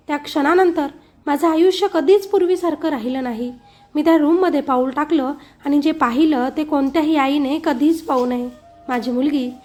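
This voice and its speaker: Female narrator, high voice, emotional grieving-mother storytelling over faint music. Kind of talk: scripted first-person story narration.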